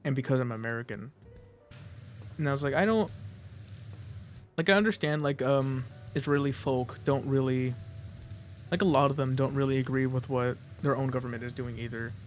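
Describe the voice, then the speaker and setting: Give me a young man chatting loosely while gaming, full of filler words, soft music underneath. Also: medium pitch, steady tone, moderate pace, pauses often. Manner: rambling, lots of "like" fillers. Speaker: game streamer. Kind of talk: casual chat while gaming.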